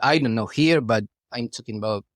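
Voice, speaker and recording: Speaking fairly quickly in a mid-range voice, a native Spanish speaker from Argentina, middle-aged and a guest artist, chats loosely in an interview with his Argentine Spanish accent, often restarting phrases and saying "you know." It's a clean studio recording without room sound.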